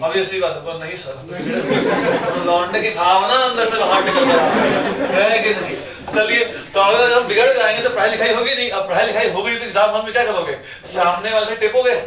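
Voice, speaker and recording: A man teaching a classroom, drilling mnemonics in a sing-song call-and-response way. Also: high-pitched. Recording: echoey classroom from far off, loud crowd.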